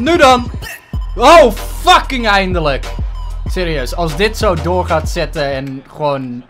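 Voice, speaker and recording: A high-voiced man with a Dutch accent talks over his gameplay, his pitch leaping all over the place. He swears freely and throws in English exclamations while staying excitable throughout. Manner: excitable, frequent swearing and frustrated outbursts. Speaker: gaming YouTuber. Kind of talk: casual gameplay commentary.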